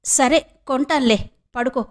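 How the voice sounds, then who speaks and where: A woman's voice: high voice, a little slow. A woman voicing a sleepy, placating young husband. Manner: tired, placating. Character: weary young husband, passive.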